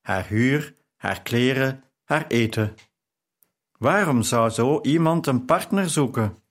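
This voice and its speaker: A man's voice: mid-range voice, lively intonation, slow pace. A man voicing a brash, gossipy shopkeeper who chats and flirts forwardly in an audiobook. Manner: chatty, leering.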